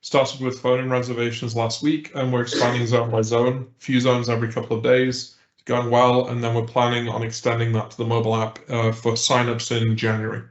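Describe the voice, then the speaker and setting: A man's voice: medium pitch, completely flat delivery, a little fast, few pauses. Male presenter, businesslike, on a glitchy, cutting-out video call with an echoey, muffled line. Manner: businesslike with filler uhs and restarts. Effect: glitchy, cutting-out call audio. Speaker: transit agency presenter. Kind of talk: meeting update over a call. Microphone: remote video call. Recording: dull, echoey remote call audio.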